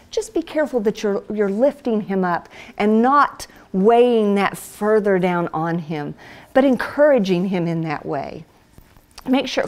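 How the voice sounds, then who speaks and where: Middle-aged woman, church teaching, chatty and down-to-earth, fairly high voice. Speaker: speaker at a women's Bible study.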